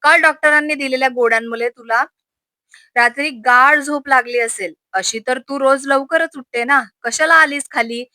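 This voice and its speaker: A caring older mother-in-law put on by a woman reading a story who speaks softly and fondly. The voice is bright and clear. The recording is dry and close. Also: high-pitched, normal speed, dry recording. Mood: tender. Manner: soft, affectionate.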